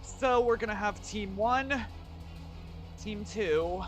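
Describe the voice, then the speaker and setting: A man's voice: sits high, takes it slowly, faint music behind. A man streaming a game, chatting loosely with his viewers and swearing casually as he sets up battles. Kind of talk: casual gameplay commentary.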